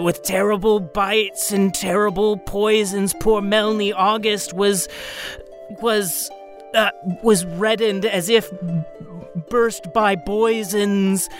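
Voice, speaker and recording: A man acts out an eager dwarf bandit for a tabletop game. The voice is pushed high and stretched out with melodrama, over music. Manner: drawn-out melodramatic recitation.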